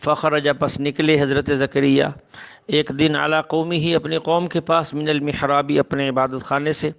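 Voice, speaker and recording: A man teaching a Quran translation lesson, reciting each phrase slowly, then explaining its meaning in plain speech. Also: on the high side, little pitch movement, gravelly, fairly bright tone. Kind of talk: word-by-word scripture translation lesson.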